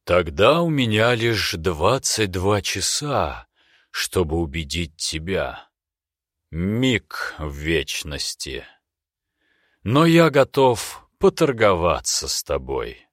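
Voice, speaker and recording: A sly, imperious demon who drawls every word slowly, purring and silky, as a male narrator puts him on. The voice sits very low, but it rises and falls in long, lively swoops. It sounds close and dry. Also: dry recording, heavily acted. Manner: slow, drawn-out, sly purring delivery.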